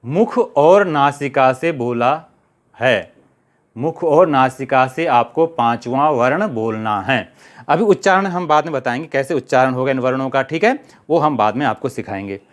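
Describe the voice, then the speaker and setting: A middle-aged man with a Hindi accent teaching a Sanskrit grammar lesson, reciting letters slowly and asking and answering his own questions. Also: mid-range voice, lively intonation. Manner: slow, deliberate recitation of letters.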